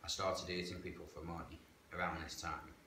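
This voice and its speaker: A man with a low-pitched, flat, brisk delivery shares his life story as a guest, frank and plain with local slang. His candid testimony is given seated indoors in a medium-sized church hall. A camera some distance off picks up an echoey sound with background hiss.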